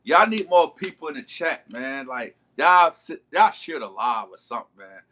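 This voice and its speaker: A man's voice: a little high, lively intonation, normal speed, bright, forceful tone, slight background noise. A man livestreaming, telling a long story in casual slang and calling out to his viewers. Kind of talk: casual storytelling to a live chat.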